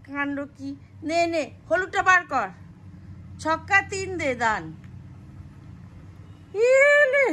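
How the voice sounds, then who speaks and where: Playing a board game at home, a woman who is a family vlogger talks casually with frequent sighs, coaxing yet exasperated. Her voice is extremely high-pitched, bright and pushed.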